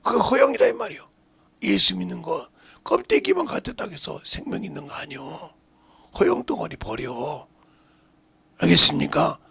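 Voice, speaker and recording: Fiery, husky-voiced male pastor. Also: sits high, expressive, moderate pace, pauses often. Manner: fiery preaching, swings from shouts to whispers. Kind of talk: sermon.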